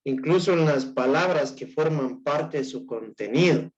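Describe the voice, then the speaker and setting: A male teacher giving an online class lecture, explaining slowly and haltingly with an Ecuadorian Spanish accent and checking in with his students again and again. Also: a little high. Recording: dull lo-fi recording.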